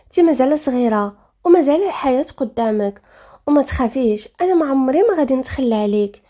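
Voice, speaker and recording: A woman with a Moroccan accent voicing a caring, devoted young husband who speaks softly and tenderly to reassure his wife. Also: sits high, lively intonation, fast. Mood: reassuring. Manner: soft, tender, pleading.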